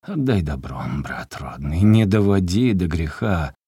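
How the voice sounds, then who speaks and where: A man reading a story aloud, voicing a drunk peasant man who wails, weeps and threatens in a slow, drawn-out way. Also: low voice, animated, breathy edge, no echo, studio quality, heavily acted. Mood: hoarse menacing. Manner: wailing, shouting, drawn-out. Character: drunk, grief-crazed peasant man, weeping and menacing.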